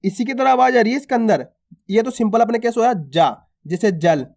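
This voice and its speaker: Man slowly sounding out letters. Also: very high-pitched, creaky, a little mellow. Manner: slow, drawn-out pronunciation of each letter, then example words; addresses listeners as friends and asks if they follow. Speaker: Hindi reading teacher. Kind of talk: alphabet lesson.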